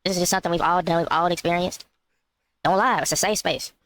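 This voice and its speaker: A man's voice: high-pitched, fairly even intonation, fast talker, a bit bright. A man delivering a mock-serious comedy monologue, insisting on absurd claims. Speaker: skit comedian.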